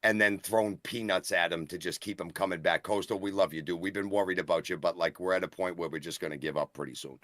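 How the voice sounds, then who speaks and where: A man co-hosting a live wrestling review talks through a match in long, winding stretches, circling back on himself. His voice sits fairly low, and the sound is dry with little room around it. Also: fast talker, few pauses, fairly bright tone, dry recording. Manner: long rambling analysis with many restarts. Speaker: wrestling show co-host and referee. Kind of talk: casual wrestling review chat.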